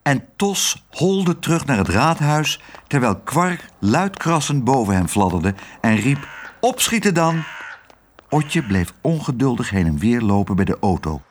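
A man reading a children's storybook aloud as narrator, slow and expressive. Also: mid-range voice.

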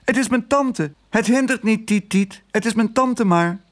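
A man doing a high chirping thrush. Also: lively intonation, normal speed, close to an everyday voice. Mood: chirpy. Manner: sing-song, chirping. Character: cheerful, carefree male thrush songbird.

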